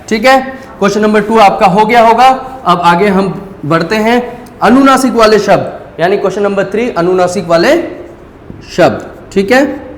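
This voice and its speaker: A male teacher giving a patient lesson, asking questions and answering them himself, repeating key words slowly. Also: sits high. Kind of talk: classroom-style lesson. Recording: echoey room with long reverb.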